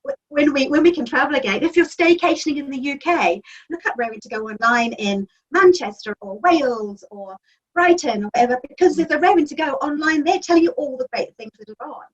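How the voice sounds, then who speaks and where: Her voice sits high and sounds animated as she talks fairly quickly. The New Zealand magazine editor gives keen interview answers from her home office, full of ums, heard over distant, dull lo-fi call audio.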